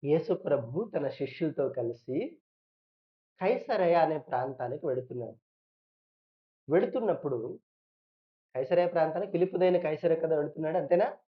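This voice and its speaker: A woman's voice: low-pitched, animated, normal speed, long pauses, dull audio. A woman preacher giving a sermon, pressing listeners with repeated rhetorical questions and acting out churchgoers in quoted asides.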